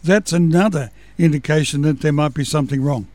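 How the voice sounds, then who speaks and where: A man's voice: a little high, brisk, a little mellow, dry recording. An older man, chatting on talk radio and giving short agreeable replies. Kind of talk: casual talk radio chat.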